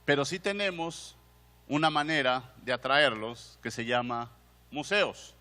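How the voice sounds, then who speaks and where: A man's voice: medium pitch, unhurried, bright, forceful tone. A man with a Mexican Spanish accent gives a conversational conference talk, putting questions to the audience and often restarting his phrases. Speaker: museum director giving a conference talk. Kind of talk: conference lecture. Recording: long hall reverb.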